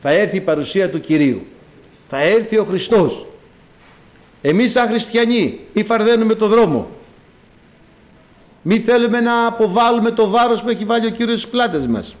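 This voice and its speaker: A man's voice: expressive, pauses often. A man preaching a sermon to his congregation, calling them brothers and acting out the voices in his stories with dramatic swings. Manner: dramatic, acts out quoted voices with big pitch swings.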